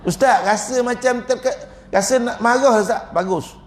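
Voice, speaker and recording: A religious teacher with a Malaysian Malay accent gives a humorous religious lecture, joking and chuckling often as he tells his stories. His voice is very high-pitched, and he speaks at a slow pace.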